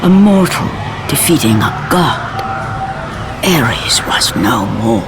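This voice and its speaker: A man's voice: mid-range voice, big pitch swings, takes it slowly, over music, a crowd in the background. A man narrating a video game story in a grave, dramatic way. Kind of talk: scripted epic narration. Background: orchestral score.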